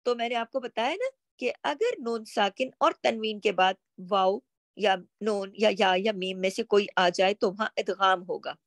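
A woman's voice: mid-range voice, lively intonation, measured pace, dry recording. A woman teaching Quran recitation rules, stretching out example words and then explaining them.

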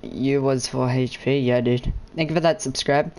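A man's voice: mid-range voice, steady tone, moderate pace, darkish tone, a little hiss or hum. A young man chatting casually on a gaming live stream in a slangy, laid-back, matey, sweary way.

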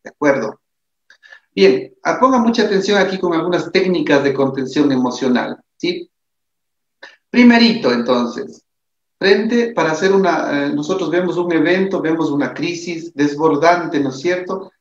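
A man's voice: fairly high pitch, expressive, moderate pace. A man with a tired voice, giving an earnest recorded lesson on psychology and often checking in with his listeners. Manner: earnest, repeats himself, asks "¿de acuerdo?". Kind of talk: recorded lecture over slides. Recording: echoey room, dull lo-fi sound.

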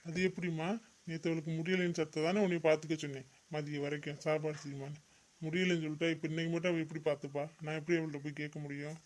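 A man's voice: fairly high pitch, little pitch movement, fast talker, lightly acted. A man voicing an exasperated son and husband in a home-made cartoon, questioning and reproachful.

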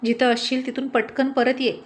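A woman's voice: high voice, little pitch movement, normal speed, close to an everyday voice. A woman voicing a panicked crime boss. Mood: urgent. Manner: urgent, shouting orders.

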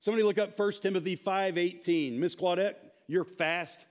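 A man in his thirties teaching a church class in an animated, informal way, quizzing the group. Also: high voice, normal speed. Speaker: Bible teacher. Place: church sanctuary, speaking to a small audience.

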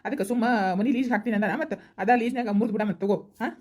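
A woman's voice: fairly high pitch, fairly even intonation, dark tone, natural voice. A woman playing a helpful young village relative who reassures the family, with a North Karnataka accent. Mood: reassuring. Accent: North Karnataka Kannada. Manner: rapid, reassuring, persuasive.

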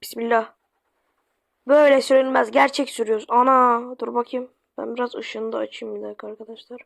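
A woman's voice: fairly high pitch, little pitch movement, a little fast, vocal fry, no echo. A woman giving chatty let's-play commentary to her viewers, swearing when flustered. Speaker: gaming YouTuber. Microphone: phone screen recording.

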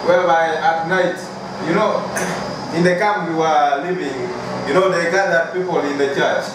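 In a small bare room, a young northern Ugandan athlete answers interview questions about his life, speaking haltingly and repeating phrases in a northern Ugandan accent. His voice is on the high side with fairly even intonation. The distant camera mic, a few feet away, picks up heavy echo and clear background noise.

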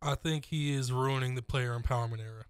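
A young man co-hosting a sports chat, making his points with opinionated emphasis. His voice is smooth and clear. The close studio mic gives a dry, dead sound. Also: mid-range voice, steady tone, brisk, no room sound. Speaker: sports talk show co-host. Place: small studio with foam panels. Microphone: studio mic on boom arm, headphones.

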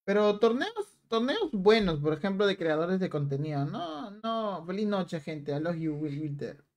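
A man's voice: high-pitched, big pitch swings, a little slow. A young man streams a game, reading chat aloud and teasing viewers. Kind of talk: live stream chat while gaming.

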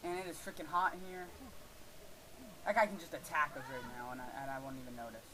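A young man giving casual let's-play commentary, excitable and swearing, yelling at his game. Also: on the high side, quick pace, a crowd in the background, rough recording. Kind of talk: gaming commentary.

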